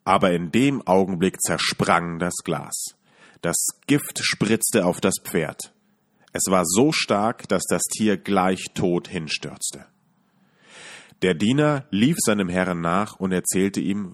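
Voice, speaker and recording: A man calmly reading a fairy tale aloud as a podcast storyteller. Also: low-pitched. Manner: calm, measured reading.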